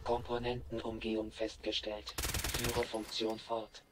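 An actor voicing a malfunctioning male machine in a video game that issues glitching error warnings about its failing system in a flat, mechanical delivery. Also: fairly low pitch, measured pace, background noise, natural voice. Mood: alarmed, mechanical.

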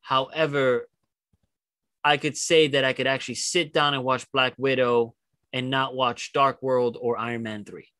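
Male podcast co-host, mid-pitched, dry sound, loose and rambling delivery. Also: little pitch movement, unhurried, sharp tone, dry recording. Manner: rambling opinions with many restarts. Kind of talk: casual podcast chat.

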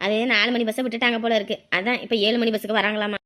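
Woman playing a fast-talking gossipy housewife. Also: on the high side, little pitch movement, fairly bright tone, close to an everyday voice. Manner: rapid gossipy complaining. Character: village housewife griping about her in-laws. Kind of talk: comedy sketch acting.

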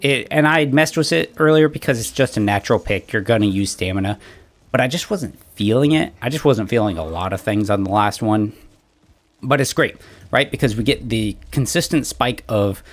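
A man's voice: lowish voice, expressive, normal speed. A man casually commenting on his game build, chatty and rambling with lots of fillers, a little out of breath after exercising. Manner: chatty, rambling, frequent fillers and "right?" asides. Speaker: gaming channel host.

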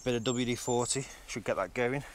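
A vlogger explores a forest, chatting casually and thinking aloud in a medium-pitched, fairly quick voice. He records on a phone held at arm's length, with slight background noise.

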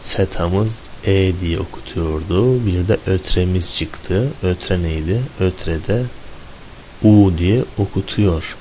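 A man's voice: deep voice, slow pace, a little mellow, slight background noise. A man teaching an Arabic lesson, drilling syllables one by one and asking rhetorical questions as he explains. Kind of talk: recorded lesson.

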